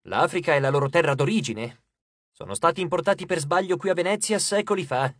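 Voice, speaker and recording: A man plays a capricious male god who lectures his guests with breezy scorn in a storybook reading. The voice sits a little high and the recording is close and dry. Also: expressive, a little fast, a bit bright, dry recording. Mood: lecturing. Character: haughty petulant male god, dismissive and capricious. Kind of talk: audiobook character reading.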